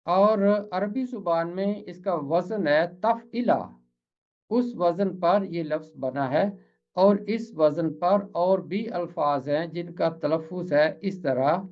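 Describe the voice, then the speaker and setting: A man with an Urdu accent from Pakistan, teaching pronunciation in a slow, explanatory lesson and repeating words carefully to model them. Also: high voice, dull audio.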